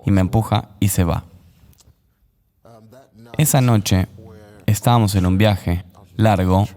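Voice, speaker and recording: Low mellow-voiced man telling a testimony. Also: slow pace, in a large hall. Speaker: interview guest.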